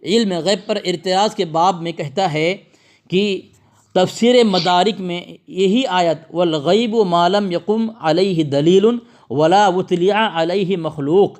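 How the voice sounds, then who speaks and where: A man lectures abrasively on religion during a phone call, picking fights and repeating his phrases to drive points home. His voice sits high with a darkish tone.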